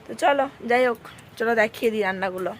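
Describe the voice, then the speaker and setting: A woman's voice: a little high, racing, slight background noise. A woman, chatting to viewers in a casual home vlog. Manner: chatty, talks to viewers directly. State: hoarse. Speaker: vlogger.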